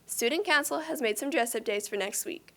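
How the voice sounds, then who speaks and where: A woman's voice: a little high, brisk, fairly bright tone. A teenage girl co-anchoring a student news show, reading announcements cheerfully. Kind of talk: scripted school news reading.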